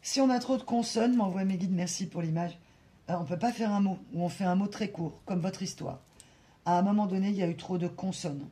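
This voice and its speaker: A French-speaking card reader giving a spiritual guidance reading, talking slowly with many hesitations and asides to spirit guides. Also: mid-range voice, mellow. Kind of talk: tarot-style guidance reading to camera.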